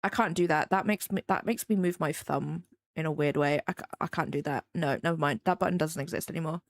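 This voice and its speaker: This young woman from England talks fast in a low voice with a faint Midlands accent. While drawing, she chats casually with her live-stream viewers, rambling and self-deprecating. The audio is clean studio sound with no room sound.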